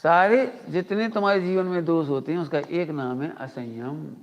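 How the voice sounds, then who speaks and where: A man's voice: on the high side, normal speed. Man, Jain preacher, conversational sermon, mimics listeners, slightly raised voice, echoing hall. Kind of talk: informal spiritual discourse. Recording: dull audio with long hall reverb.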